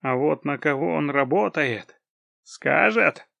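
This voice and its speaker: Man doing a blunt mercenary leader, commanding, gravelly, audiobook figure. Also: fairly high pitch, animated, takes it slowly, bright, forceful tone, dry recording, exaggerated voice.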